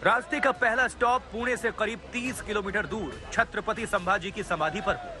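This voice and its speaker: A male reporter narrating a news video package reads his television script dramatically and with emphasis. His high-pitched voice holds a steady tone at a moderate pace, with a music bed underneath.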